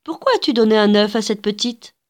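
A woman's voice: mid-range voice, brisk, pitched above the performer's own voice, natural voice. Woman reader doing a haughty, curt mother. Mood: indignant. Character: haughty tall mother, dismissive.

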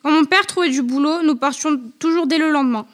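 Femme au ton posé, voix haute. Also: female voice, sits high. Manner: measured, intimate, literary. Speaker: audiobook reader. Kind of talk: first-person literary narration.

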